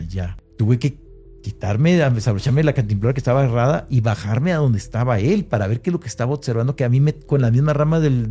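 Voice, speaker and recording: Man, Mexican Spanish accent, mellow mid-pitched voice, halting first-person storytelling with faint music behind. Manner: hesitant, with many restarts and fillers, slowing at tense moments. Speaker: interviewee recounting an encounter. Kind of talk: conversational first-person account.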